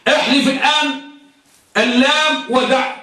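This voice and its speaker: High, bright-voiced man teaching in an echoey room. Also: steady tone, a little slow, recorded from a distance. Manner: quizzes students, repeats and drills points. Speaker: Arabic grammar teacher. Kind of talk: classroom grammar lesson. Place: classroom. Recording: echoey classroom recorded from afar.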